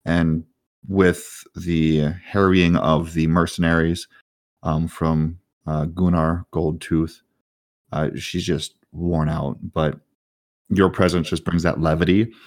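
A man's voice: deep voice, level tone, slow pace, no room sound, studio quality. A man narrating as game master of a tabletop game, loose and full of fillers.

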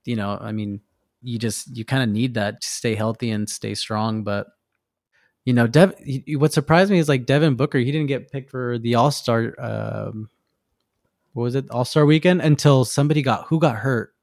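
A man's voice: mid-range voice, normal speed, creaky, a little mellow, no echo, clean studio sound. Rambling laid-back male guest. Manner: loose and rambling, many fillers and restarts, laughs easily. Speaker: guest, tattoo artist. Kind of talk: casual interview chat.

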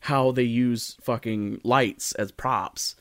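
On a podcast about music and theatre, a male co-host muses hesitantly and informally as he talks things through. His medium-pitched voice is steady and slow, captured in a dry, clean studio recording.

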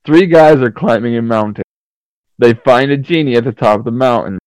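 A man's voice: mid-range voice, normal speed, darkish tone, no room sound, low-quality recording. A man telling crude jokes in a casual podcast chat, stumbling and laughing at himself. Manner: laughing, stumbling, self-mocking. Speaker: podcast co-host.

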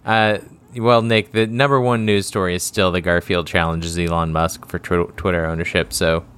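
A man co-hosting a casual comedic podcast, deliberately keeping his voice quiet and subdued for a late-night recording. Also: deep voice, level tone, clean tone. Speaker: podcast co-host.

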